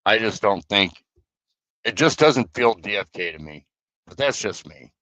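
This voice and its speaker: A man on a live stream talks to his guild in a loose, rambling way, with plenty of fillers and restarts. His voice sits on the low side but sounds bright and forceful. The sound is dry, with no room echo. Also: expressive, unhurried. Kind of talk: casual live stream chat.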